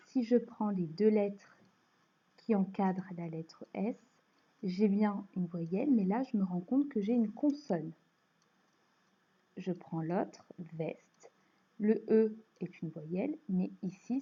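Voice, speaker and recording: A woman with a French accent teaching a phonics lesson to young children, explaining slowly and patiently. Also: mid-range voice, mellow, slightly rough. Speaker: primary school teacher. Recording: dull lo-fi recording.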